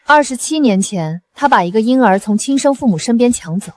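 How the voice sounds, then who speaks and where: A woman's voice: fairly high pitch, animated, brisk, darkish tone, no room sound, natural voice. Composed resolute designer heroine, played by a woman. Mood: cold. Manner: cool, composed, cutting. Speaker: chief designer.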